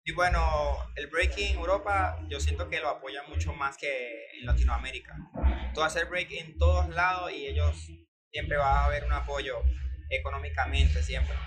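A young man with a Venezuelan Spanish accent, a breakdancer telling his story in a casual interview, earnest and animated. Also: fairly high pitch, moderate pace, poor audio. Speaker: breakdancer guest. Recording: loud music underneath.

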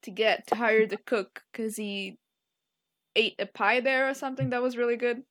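A woman co-hosting a casual podcast chat, opinionated and teasing, with quick asides. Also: a little high, flat delivery, a bit bright.

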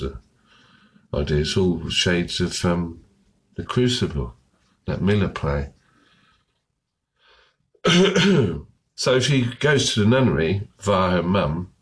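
A hoarse man with a cold, chatting casually and summarizing a book, often losing his thread. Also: low-pitched. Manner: rambling, loses his thread and restarts. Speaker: book vlogger.

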